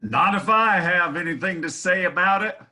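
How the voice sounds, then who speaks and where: An actor playing a bold, boastful cowboy hero, declaiming in a stage melodrama. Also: male voice, high voice, normal speed, bright, forceful tone. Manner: heroic, declamatory. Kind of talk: hammy stage melodrama acting.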